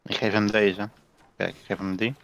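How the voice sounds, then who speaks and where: Low-voiced young man, gamer. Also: flat delivery, normal speed, vocal fry, fairly bright tone, rough recording. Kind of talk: casual gaming chat in Dutch street slang with English words. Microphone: gaming voice chat.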